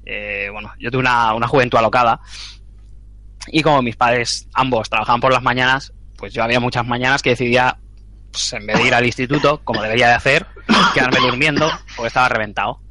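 A man tells a story in casual podcast chat, acting out the lines of the people in it. His voice is bright and edged, at a middle pitch. He talks loosely among friends. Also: fast talker, slight background noise. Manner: animated anecdote teller, acting out dialogue. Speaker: podcast co-host.

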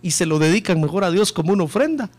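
A man preaching a sermon with passion, dropping to low murmurs and rising to shouted peaks, often calling listeners "brother". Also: expressive, quick pace. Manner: keeps addressing listeners as "hermano". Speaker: pastor.

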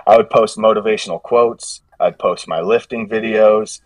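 A man with a fairly low voice talks through a story in a casual podcast chat, rambling and often circling back on his own sentences. He sits a little back from the mic. The room sounds dry and dead. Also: steady tone, moderate pace, no echo, distant mic. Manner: rambling, self-correcting storyteller with frequent restarts. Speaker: podcast guest, gym meme page creator.

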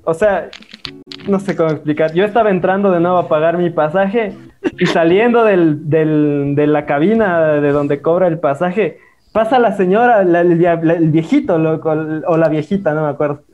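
High-voiced young man telling a story. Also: normal speed, lo-fi sound, faint music behind. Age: young adult. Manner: slangy and profane, laughs while telling. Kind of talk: casual storytelling chat.

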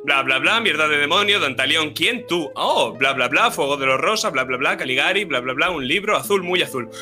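A man recapping a role-playing session in quick, clipped, telegraphic phrases, jumping in and out of character voices, over soft guitar music. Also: a little high, lively intonation. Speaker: player recapping the campaign. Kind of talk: rapid comic session recap.

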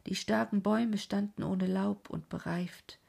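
Woman, audiobook narrator of a classic: dark, mellow tone, soft and half-whispered, earnest, dramatic phrasing. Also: mid-range voice, steady tone, measured pace. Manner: soft, often sinks into a breathy whisper. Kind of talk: literary reading of a classic novel.

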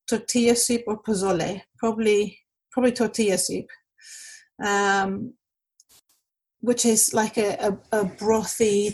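A woman, a Spanish speaker, answering a list of questions casually with frequent thoughtful pauses and ums. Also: mid-range voice, slightly rough, poor audio. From Mexico. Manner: thoughtful, pausing often with ums. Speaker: podcast guest.

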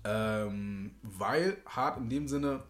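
A man chatting casually in slangy talk, telling animated work stories and acting out quotes. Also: lowish voice, very slow. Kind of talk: casual chat.

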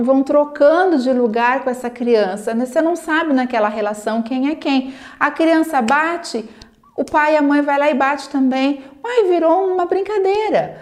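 A woman gives parenting advice straight to camera. She speaks earnestly and acts out parents' lines in quick asides. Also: sits high, darkish tone. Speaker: parenting educator. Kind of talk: direct-to-camera advice talk.

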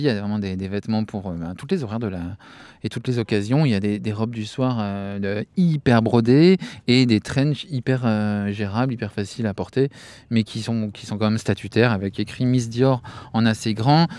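A man's voice: mid-range voice, no room sound. Chatty Frenchman enthusing about fashion. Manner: lively and chatty, many fillers and restarts. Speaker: podcast co-host. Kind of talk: casual chat about fashion shows.

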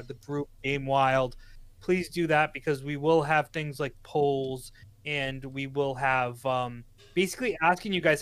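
Boston-accented male co-host, smooth and dry, loose rambling delivery. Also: fairly high pitch, a bit bright, dry recording. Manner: rambling, promotional, self-correcting. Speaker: podcast co-host. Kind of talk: casual podcast chat.

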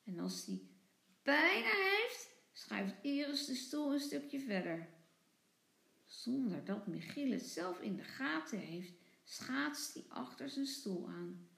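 A woman teacher reading a children's storybook aloud in an expressive, sing-song way. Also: on the high side, slow, creaky, roomy sound.

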